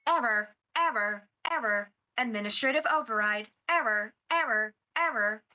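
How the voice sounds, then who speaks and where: A woman voicing a glitching computer system that makes flat, robotic announcements and keeps repeating errors. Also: fairly high pitch, moderate pace. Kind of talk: fan roleplay game.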